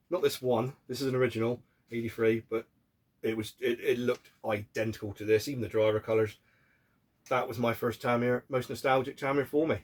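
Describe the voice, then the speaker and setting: Male hobby vlogger, British, medium pitch, under the weather with a sore throat and cold; informal, self-questioning, off-the-cuff delivery. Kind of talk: casual rambling chat to camera.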